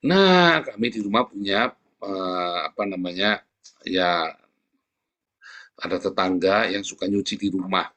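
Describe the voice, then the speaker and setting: A man preaching an informal sermon, blunt and scolding in a colloquial way. He peppers his talk with asides to the congregation. His voice leaps high when indignant and drops low and slow when he tells a story. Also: bright, forceful tone.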